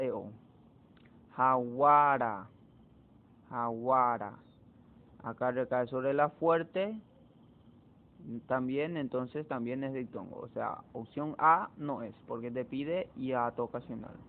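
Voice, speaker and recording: A man teacher, walking students through exam answers slowly, repeating key words to drive them home. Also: mid-range voice. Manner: slow, repetitive explaining, repeats key words. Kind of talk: exam walkthrough lesson. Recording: tinny phone-like audio.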